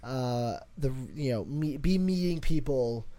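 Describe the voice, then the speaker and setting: A man's voice: mid-range voice, animated, unhurried, mellow. A man co-hosting a casual podcast, talking loosely with many fillers and restarts. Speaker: podcast co-host. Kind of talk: casual chat.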